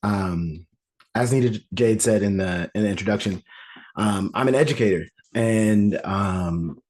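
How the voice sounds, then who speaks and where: A man from Kentucky opens his poetry reading over a video call. He speaks hesitantly, with lots of fillers and restarts. His voice sits low. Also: a little slow, a little mellow. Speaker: poet. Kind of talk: casual remarks before a reading.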